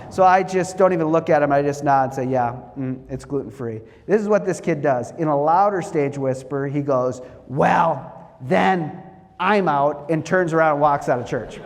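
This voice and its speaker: A middle-aged man lectures in a wry, lively storytelling manner. His fairly high voice rings out with a long reverb, as if heard across a church sanctuary. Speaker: guest lecturer.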